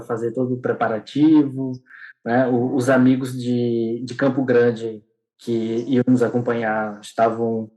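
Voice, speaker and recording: A man's voice: mid-range voice, a little mellow, poor audio. A young man, a podcast guest telling a story in casual interview talk, often restarting and filling with "é" and "né". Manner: hesitant, many restarts and fillers.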